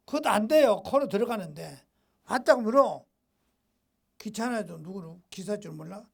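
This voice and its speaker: Man, pastor, sermon, high voice, blunt scolding asides between readings. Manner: alternates reading a devotional text with blunt, scolding off-the-cuff asides; informal, rough-edged colloquial talk.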